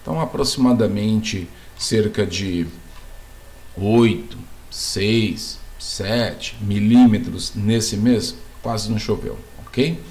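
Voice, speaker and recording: A man's voice: lowish voice, slow, darkish tone. A man teaching a geography lesson, explaining step by step, asking the class questions and checking in with them as he goes. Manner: asks the class questions, then answers them. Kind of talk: video lesson.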